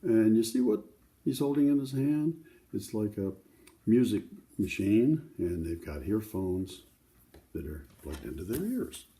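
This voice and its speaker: Warm and on the low side, an older man's voice brings a children's story to life with animated delivery at a measured pace. Now and then he speaks informally to the kids to describe what's in the illustrations.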